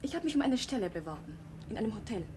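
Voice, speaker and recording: A defiant young waitress. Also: female voice, on the high side, sing-song, very fast, mellow. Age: young adult. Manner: defiant, outspoken. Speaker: waitress, innkeeper's daughter. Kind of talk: 1960s TV drama acting. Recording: old TV soundtrack with faint hiss.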